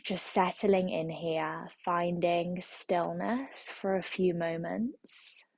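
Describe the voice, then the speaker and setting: A woman leads a guided meditation in a slow, soothing, repetitive way. Her low voice is husky and gravelly, and it stays close and dry. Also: fairly even intonation, darkish tone, dry recording. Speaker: yoga teacher.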